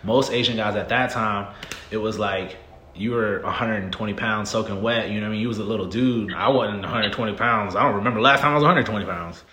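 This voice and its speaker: Talking fast, this Southern US podcast guest in his 30s has a low voice and a relaxed, candid style, leaning on "um" and "you know what I mean" throughout a casual interview chat. An echoey room and faint noise color the sound.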